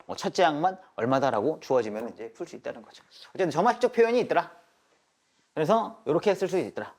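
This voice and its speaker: A slightly high-pitched man teaches a live math class, tossing rhetorical questions at the room and checking in with a firm "got it?". He swings between polite phrasing and casual banter with his students. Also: lively intonation, fast talker, a little mellow, slight background noise. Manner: mixes polite and casual speech, drills with "알겠습니까?".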